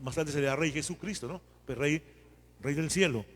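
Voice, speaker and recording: A male priest giving a homily in a conversational, animated way. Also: fairly high pitch, normal speed, in a large hall. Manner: conversational, animated retelling with acted quotes.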